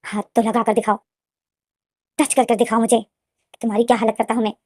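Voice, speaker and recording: A hot-tempered young man, a boxer, hurls threats in a loud, heated rush, voiced by a woman reading a fan story aloud. The tone is mellow and a bit high for a man, and the sound is close and dry. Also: little pitch movement, fairly quick, no echo, natural voice. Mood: angry, threatening. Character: angry young male boxer, defiant and threatening.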